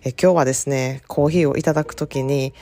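Low-voiced woman with an Osaka accent. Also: quick pace, soft background music. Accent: Osaka Kansai dialect. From Japan. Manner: relaxed storytelling with frequent fillers and small laughs. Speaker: podcast host, self-care consultant. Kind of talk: casual chatty monologue.

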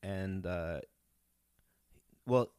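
A young man from Peru, a comedian, telling rambling, animated stories in a casual podcast chat. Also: deep voice, very slow, clean tone, no echo, studio quality. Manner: rambling, animated storytelling with restarts. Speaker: guest comedian.

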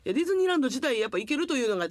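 A woman's voice: high-pitched, big pitch swings, rapid-fire. A woman with a Kansai accent, chatting casually as a podcast co-host, rambling and laughing as she talks. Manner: rambling, laughs often, many restarts. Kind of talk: casual chat.

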